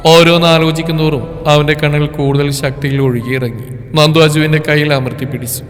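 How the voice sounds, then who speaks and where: A man narrating a scripted story in a slow, soft, tender way. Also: fairly high pitch, steady tone. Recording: long reverb with faint music.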